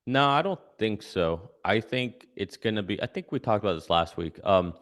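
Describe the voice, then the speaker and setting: With a lowish, fairly bright voice and lively intonation, this guest commentator talks through his analysis casually at a normal pace. He walks through each step and punctuates his points with "right?" to check in.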